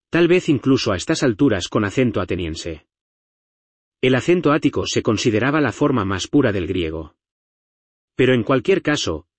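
A man's voice: mid-range voice, breathy edge, no room sound. A man from the United States teaching a Bible lesson in an explanatory, conversational way with frequent asides. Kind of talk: lecture.

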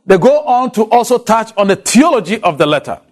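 His voice sits high and swings widely in pitch, and he talks a little fast. The speaker is a Ghanaian man with a Ghanaian accent, English not his native tongue, teaching a lecture on a Bible letter and posing rhetorical questions.

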